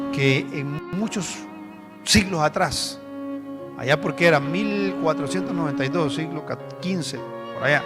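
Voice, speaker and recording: A male pastor with a fairly high voice preaches a sermon, telling stories and tossing rhetorical questions to the congregation. His voice rings out with a long hall reverb. Faint music plays underneath.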